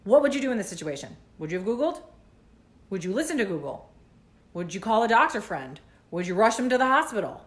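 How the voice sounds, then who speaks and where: Woman in her 30s, mom vlogger, anxious rambling chat, lots of fillers, runny nose, mid-pitched voice. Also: sing-song, fast talker. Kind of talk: casual vlog rant.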